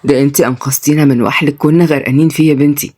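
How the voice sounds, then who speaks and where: A woman voicing a repentant former mafia boss, a young man speaking gently and earnestly in Egyptian Arabic. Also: sits low, fairly even intonation, rapid-fire. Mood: tender.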